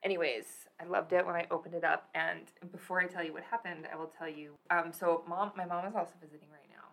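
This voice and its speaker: A woman's voice: fairly low pitch, fairly even intonation, fast talker, creaky, a bit bright. A young woman co-hosting a podcast, chatting casually and telling stories, full of "like" and "so anyways". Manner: chatty storyteller, lots of "like" and "so anyways". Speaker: podcast co-host. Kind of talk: casual chat.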